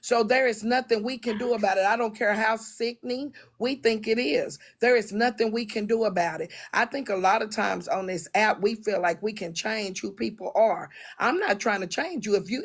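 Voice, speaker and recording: A woman's voice: on the high side, normal speed, hardly any pauses. A woman who is a guest on a livestream, arguing firmly and dismissively and cursing freely. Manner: dismissive, firm, curses freely. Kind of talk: heated livestream argument.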